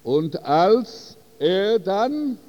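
Very slow, lively-pitched preacher man. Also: big-room sound, lo-fi sound. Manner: halting, searching for German words. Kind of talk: sermon story.

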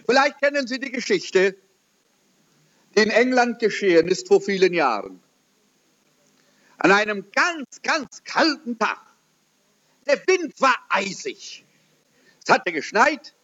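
A man preaching a sermon, telling mission stories slowly and earnestly. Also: big pitch swings, sharp tone. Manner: slow, earnest storytelling with sweeping pitch. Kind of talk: sermon with testimony. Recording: dull lo-fi recording.

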